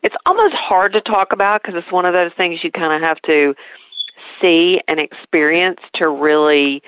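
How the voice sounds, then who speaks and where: A woman's voice: on the low side, animated, moderate pace, clear, resonant tone, no room sound, highs cut off. A woman with an East Tennessee Southern accent, talking as a guest in a conversational interview. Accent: East Tennessee Southern American. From East Tennessee, United States. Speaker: interview guest promoting a show.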